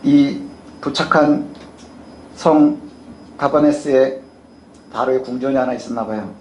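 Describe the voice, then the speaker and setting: A man's voice: mid-range voice, a little slow, darkish tone, roomy sound, a little hiss or hum. A male pastor preaching a sermon. He asks the congregation questions and acts out people's prayers in a raised voice.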